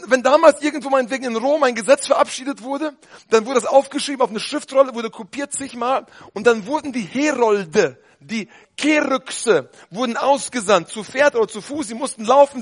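A man preaching a sermon with fervour, dropping to quiet talk and then shouting out his points. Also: very high-pitched, breathy edge. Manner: fervent, switches between quiet talk and shouting.

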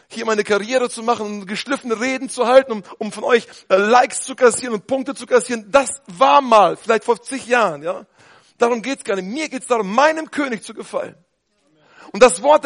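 A man preaching a sermon with fervour, dropping to quiet talk and then shouting out his points. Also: very high voice. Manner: fervent, switches between quiet talk and shouting.

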